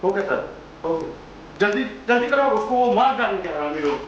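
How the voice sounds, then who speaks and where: A man's voice: sits high, lively intonation, moderate pace, dull audio, noisy background. A man playing a brutal barking interrogator. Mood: obedient. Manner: barking orders, abusive. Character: cruel male police officer interrogating a prisoner. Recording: echoey room, far from mic, loud music.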